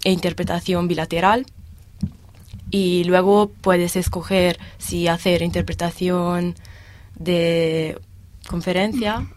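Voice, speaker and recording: A woman's voice: on the low side, fairly even intonation, slow, a little mellow. Italian woman speaking careful Spanish. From Italy. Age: 20s. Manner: hesitant, searching for words. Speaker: guest, exchange student. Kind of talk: casual interview answers.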